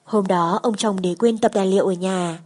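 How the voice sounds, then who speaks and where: A woman narrates a serialized story in the first person, keeping an even, steady storytelling pace. Her delivery is measured and scripted, as in an audiobook reading. The voice sits at a middle pitch for a woman.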